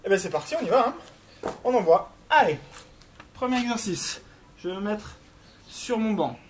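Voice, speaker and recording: A fitness instructor leads a workout in an animated, mid-range, slightly mellow voice at a moderate pace, with a bit of hiss or hum in the audio. She's chatty and encouraging, counting reps aloud, straining as she exercises, and thinking aloud with little filler sounds.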